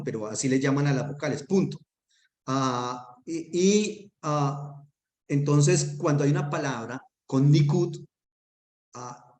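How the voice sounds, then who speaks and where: A man's voice: mid-range voice, a little mellow. Patient male teacher in an echoey room. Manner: patient, checks understanding with frequent "¿listo?". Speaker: Hebrew grammar teacher. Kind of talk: classroom grammar lesson.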